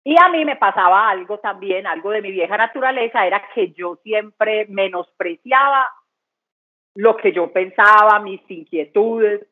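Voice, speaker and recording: A woman's voice: mid-range voice, expressive, measured pace. Earnest woman testifying over a tinny line. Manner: earnest, conversational, repeats phrases for emphasis. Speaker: church speaker giving testimony. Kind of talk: testimony talk. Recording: tinny phone-line sound.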